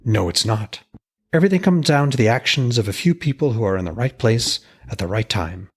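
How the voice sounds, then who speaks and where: Storybook smith, played by a male narrator: hearty family man, chatty and deferential, husky voice with upward swoops. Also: medium pitch, expressive, brisk. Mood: insistent. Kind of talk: dramatised reading of a myth tale.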